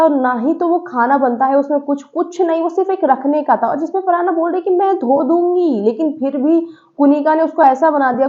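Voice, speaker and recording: Animated woman gossip commentator with a higher voice on a tinny phone-like line, recapping and acting out quotes. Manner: animated, acts out quoted lines. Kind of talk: casual reality-show recap.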